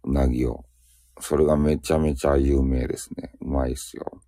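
Gravelly deep-voiced man with a Fukuoka accent. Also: flat delivery, moderate pace, dark tone, no echo, clean studio sound. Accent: Fukuoka dialect. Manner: rambling, joking, self-mocking. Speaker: live audio streamer. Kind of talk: casual solo live chat.

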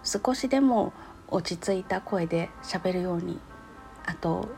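A woman's voice: lowish voice, unhurried, creaky, a little mellow, soft background music. A woman with a cute, anime-like voice talks casually and politely in short phrases, recounting her experience in a personal audio diary.

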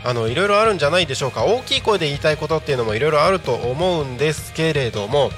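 A man in his thirties hosting a live community radio show from a small studio, with an upbeat announcer delivery that slips into relaxed, chatty asides. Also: fairly high pitch, racing, soft background music. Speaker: radio host.

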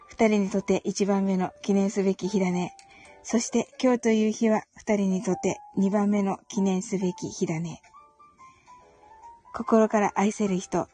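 A woman hosting a casual audio broadcast, politely explaining English song lyrics and reading each English line slowly and carefully. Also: mid-range voice, warm tone, no room sound.

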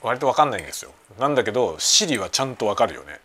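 A man hosting a casual chat show, talking in a relaxed, rambling way over lunch at home. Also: mid-range voice, racing. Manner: relaxed rambling talk while eating lunch. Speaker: podcast host. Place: home kitchen with everyday sounds. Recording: faint household background noise.

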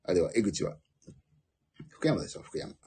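A man talking alone in a loose, rambling way, his voice breathy and very husky. His pitch swings widely as he goes, rising high when excited and sinking low in asides. He laughs at his own jokes. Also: moderate pace. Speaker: podcast host. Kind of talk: casual solo chat.

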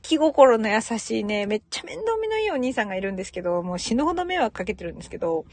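A woman's voice: on the high side, sing-song, quick pace. A young woman, chatting casually on her own podcast, laughing and imitating local greetings. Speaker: podcast host. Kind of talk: casual solo chat.

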